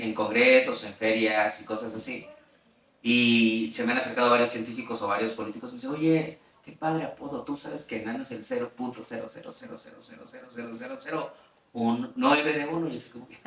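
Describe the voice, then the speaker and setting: A man's voice: medium pitch, bright, forceful tone. A man with a Mexican accent, a guest telling stories in a chatty way, laughing often and using many fillers. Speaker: interview guest. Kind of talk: casual storytelling. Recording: roomy sound, mic at a distance.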